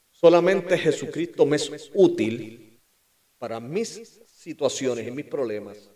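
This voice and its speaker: A middle-aged pastor preaching a sermon with passion, moving between loud declarations and quiet, hushed lines. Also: male voice, mid-range voice.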